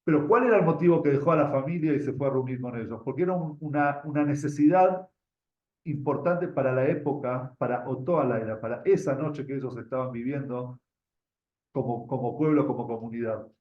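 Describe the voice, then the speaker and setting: A man with an Argentine Spanish accent, teaching a group, tells a religious story in a brisk, mid-range voice. He often pauses to repeat words while searching for the next one and asks his listeners questions, recorded in an echoey room with dull lo-fi sound.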